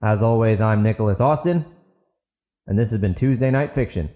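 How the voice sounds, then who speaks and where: His warm, lowish voice moves at a normal speed as he narrates his own fiction for his podcast. The author-host tells the story directly to listeners, blending dramatic audiobook narration with an outro.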